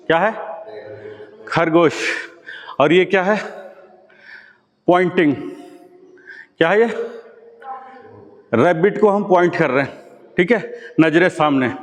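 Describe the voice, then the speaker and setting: A man's voice: a little high, long reverb tail. A man leading a live brain-exercise class, patiently coaxing and repeating cues. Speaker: exercise instructor.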